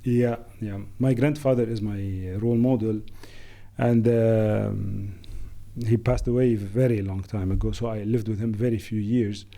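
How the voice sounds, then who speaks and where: With a dark, lowish voice and mostly even intonation, a Lebanese man in middle age responds to interview questions as a managing director. He pauses and hesitates, thinking aloud with lots of fillers.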